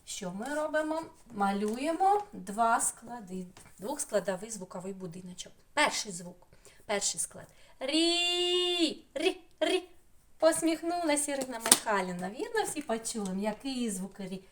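A woman's voice: a little high, animated. A middle-aged woman teaching an online lesson to young children, asking riddles, praising answers and stretching out sounds and syllables. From Ukraine. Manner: slow, sing-song, stretches out sounds and syllables. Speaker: preschool teacher.

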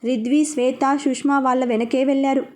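A woman tells a story aloud in a high, clear voice, reading with steady expression. Her delivery is that of a serialized storyteller guiding the listener from scene to scene. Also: brisk. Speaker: narrator. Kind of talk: storytelling narration.

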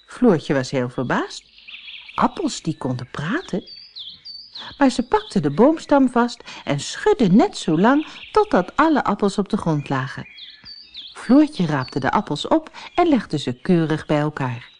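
Slow, lively woman telling a fairy tale. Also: on the low side, slight background noise. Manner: clear, expressive telling for children. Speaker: storyteller. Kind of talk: scripted storybook narration.

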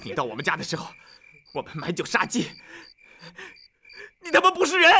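An actor playing a stubborn, proud young country man who shouts back at bullies, in a dubbed TV drama. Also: a little high, expressive, fast, crowd noise. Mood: defiant shouting. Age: young adult. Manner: shouting, defiant. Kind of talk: TV drama dub. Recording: dialogue over loud score.

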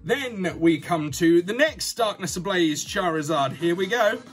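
A British man in his thirties hosting a casual unboxing vlog, chatting excitedly as he announces giveaways. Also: high voice, a little slow, faint music behind. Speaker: YouTube host. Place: small indoor room at a desk.

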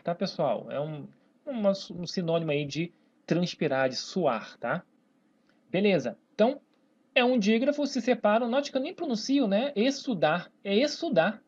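The recording is dull and lo-fi: a Portuguese teacher with a Brazilian accent goes over grammar at a whiteboard, very animated, at normal speed, in a husky medium-pitched voice. They break words into syllables as they speak and keep checking with "né?" and "tá, pessoal?".

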